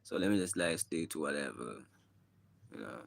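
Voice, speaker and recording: A man's voice: very deep voice, expressive, normal speed, gravelly. A young man from South Africa with a South African accent, chatting loosely on a livestream as a rapper, rambling with many fillers. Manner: rambling, laid-back, frequent "you know" fillers. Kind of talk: casual livestream chat. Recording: faint background noise.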